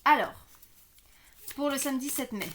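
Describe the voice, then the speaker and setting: A woman with a high voice and a slight lisp on her s sounds gives a casual spoken tarot reading as an online card reader hosting weekend guidance. She speaks at a moderate pace, thinking aloud and often hesitating, with background noise in the recording.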